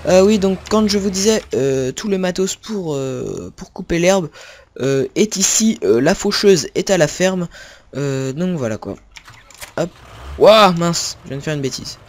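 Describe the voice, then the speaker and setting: His voice sits high and expressive and moves a little slowly as this young northern French gaming creator chats casually to viewers about his gameplay, rambling and correcting himself with plenty of fillers. Faintly in the background are game sounds of tractors and farm ambience.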